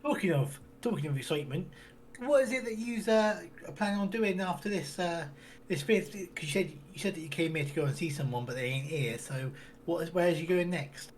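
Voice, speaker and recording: A man doing a rough-spoken half-elf handyman who wanders from town to town. He rambles in a folksy way with plenty of fillers and broken grammar, his voice sitting a touch high. A faint hiss runs underneath. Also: expressive, brisk, natural voice. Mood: rambling. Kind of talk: tabletop role-play in character.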